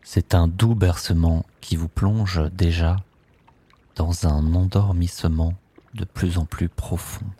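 A man leading a guided sleep meditation, speaking softly and calmly in drawn-out phrases with long pauses. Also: sits low, husky. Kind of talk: slow guided relaxation script.

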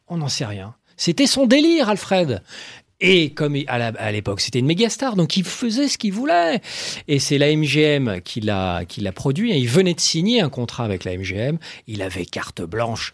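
A man giving enthusiastic film commentary, animated and full of exclamations and quick asides. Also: on the high side.

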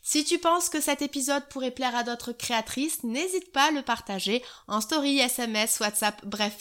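A woman's voice: on the high side, a bit bright. A woman hosting a podcast, chatting casually and playfully with a guest and laughing often. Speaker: podcast host.

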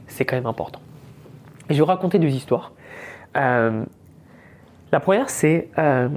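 A man in his thirties from France hosts a podcast in a relaxed, chatty storytelling style. He slips English business words into his sentences. His voice sits at an ordinary middle pitch. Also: slight background noise. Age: 30s. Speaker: podcast host. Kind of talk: casual storytelling monologue.

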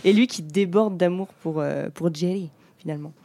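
Hesitant young French-speaking woman, mellow and dry. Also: lowish voice, normal speed, dry recording. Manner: hesitant, many fillers and restarts. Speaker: podcast co-host. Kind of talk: casual film-review chat.

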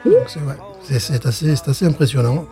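A middle-aged podcast co-host speaks at a medium pitch and a slightly fast pace, with faint music playing behind him. In casual chat he tells animated stories, laughing as he goes while stammering and repeating words.

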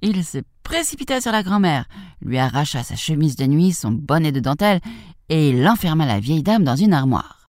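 A woman reading a fairy tale aloud for young children, in a lively, expressive way. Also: deep voice, normal speed, no echo, clean studio sound. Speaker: storyteller.

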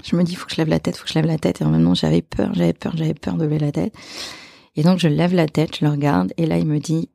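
A woman, an actress and author, telling a personal story as a podcast guest, halting and repeating her phrases. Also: low voice, lively intonation, vocal fry, mellow, no echo, studio quality.

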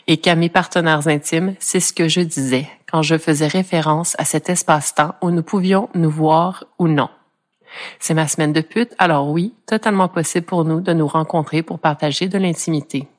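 A middle-aged woman with a Franco-Ontarian French accent, reading a personal podcast narration in a measured, reflective way. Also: lowish voice. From Ontario, Canada. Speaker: podcast host.

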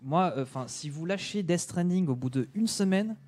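A man's voice: high-pitched, lively intonation, moderate pace, a little mellow. A man chatting casually on a radio show, hesitating often with many fillers and restarts.

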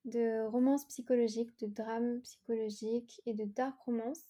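A woman's voice: a little high, fairly even intonation, moderate pace, mellow. A woman in her twenties, a novelist guest in a casual podcast interview, answering hesitantly with many fillers and restarts. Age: 20s.

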